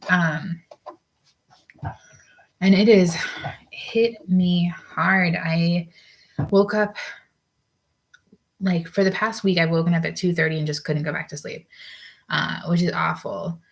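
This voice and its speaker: A woman's voice: lowish voice, fairly even intonation, slow pace, long pauses, slight background noise, low-quality recording. A young woman chatting casually as she works on a sewing project, rambling with lots of fillers and out of breath. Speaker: sewing vlogger. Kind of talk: casual work-along chat.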